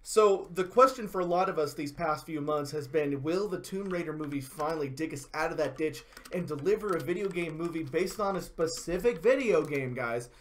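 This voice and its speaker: A man with a slightly raised pitch talks loosely on a gaming livestream. He rambles through his points, full of fillers and little mocking quoted voices. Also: slight background noise. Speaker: co-host. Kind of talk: casual livestream chat.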